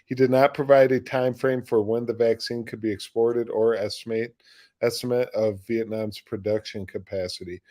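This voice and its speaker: A hoarse man hosting a livestream news show, reading stories aloud and breaking off into loose, rambling commentary. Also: medium pitch, fairly even intonation, moderate pace, mellow. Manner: rambling, loose, with off-the-cuff asides and restarts.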